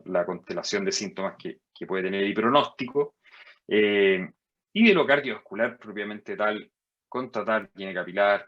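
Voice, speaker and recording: A man giving a medical lecture as a physician, measured and explanatory, jumping higher in pitch to stress key points. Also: a bit bright, muffled recording. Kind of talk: medical lecture over slides.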